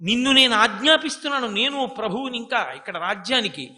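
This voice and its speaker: A man voicing an aged, grieving king who pleads with and commands his charioteer, loud and insistent. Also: extremely high pitch, animated, a little fast, heavily acted. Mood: anguished command. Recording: long hall reverb.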